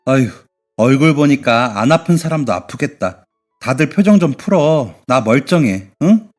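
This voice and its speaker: Man doing a bright, coaxing young woman. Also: mid-range voice, expressive, unhurried, faint music behind, lightly acted. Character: cheerful young woman patient soothing her family.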